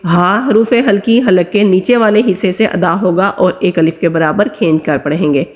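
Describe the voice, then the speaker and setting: Patient woman teaching letter sounds. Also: on the low side. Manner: explains sounds patiently, then recites letters slowly and drawn out. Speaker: Quran reading teacher. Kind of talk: step-by-step recitation lesson. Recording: long hall reverb.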